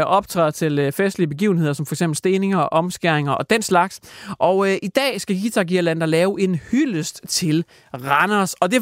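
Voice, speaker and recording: A man's voice: fairly high pitch, fairly bright tone, no room sound, clean studio sound. A man hosting a satirical comedy radio segment, rambling mock-seriously with lots of fillers. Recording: music playing behind.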